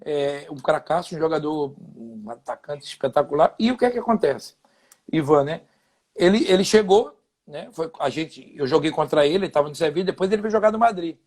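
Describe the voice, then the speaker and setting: A man's voice: a little high, a little fast, darkish tone. A Brazilian man in his fifties, a former footballer, telling anecdotes in a casual interview with quoted dialogue.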